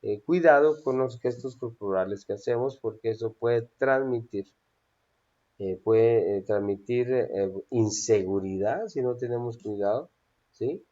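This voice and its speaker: Leading a class on public speaking, the instructor pauses often with "eh" and keeps checking in with "¿sí?". He has a dark, medium-pitched voice and a measured pace. Audio quality is dull.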